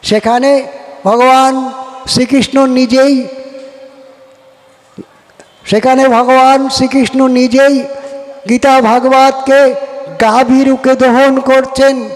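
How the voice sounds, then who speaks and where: A man's voice: very high voice, little pitch movement, takes it slowly, pauses often, big-room sound. A man from giving a devotional scripture discourse, posing rhetorical questions and answering them, repeating his phrases. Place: outdoor kirtan ground with PA.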